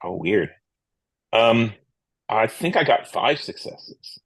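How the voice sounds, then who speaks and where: Husky, low-voiced male tabletop gamer. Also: big pitch swings, takes it slowly. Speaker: tabletop game player. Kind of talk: casual game chat.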